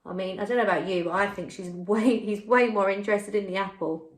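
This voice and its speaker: Slight background noise accompanies a woman reading a picture book a little quickly in a medium-pitched voice. She's a primary teacher, expressive and encouraging, who chats with the pupils and asks them questions as she goes.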